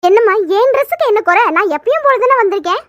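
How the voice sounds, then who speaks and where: A high-pitched, quick-speaking young cartoon maid, timid and polite, as a woman plays her. She pleads and defers softly to her employers. It is a cartoon voice performance. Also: expressive, no echo, clean studio sound. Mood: meek. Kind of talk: animated cartoon voice acting.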